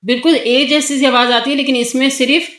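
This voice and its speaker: A woman's voice: high voice, steady tone, fairly bright tone, roomy sound. Patient woman teaching Quran letters. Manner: patient, drawn-out sung syllables for the child to repeat. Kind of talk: tajweed lesson with a child.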